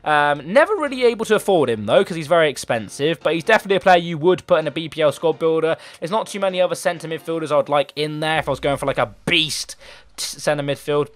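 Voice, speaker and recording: Talking fast and expressively in a slightly high voice, this young man chats about footballers for his gaming channel despite a sore throat. He's rambling and enthusiastic, with faint background music.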